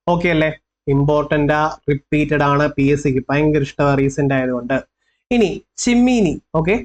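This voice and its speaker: A man teaching an exam-prep lesson in a Kerala Malayalam accent. He repeats key facts and keeps checking that his students are following. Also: a little high.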